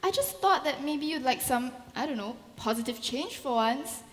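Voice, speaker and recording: A woman's voice: sits high, lively intonation, normal speed, a little hiss or hum. A woman playing an eager, earnest rich daughter in a stage musical. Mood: pleading. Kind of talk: theatrical stage acting. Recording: echoey hall.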